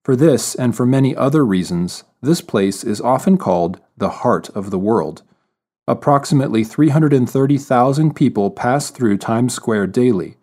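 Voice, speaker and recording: A man's voice: medium pitch, expressive, moderate pace, darkish tone, natural voice. A man voicing a cheerful male city tour guide in a scripted exam listening text. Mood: welcoming. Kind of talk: scripted exam dialogue reading.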